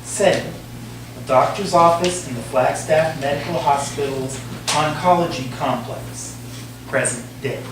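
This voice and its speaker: A man's voice: a little high, measured pace. A man reading out a play's title and stage directions as scripted narration. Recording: very echoey room, distant mic, clear noise.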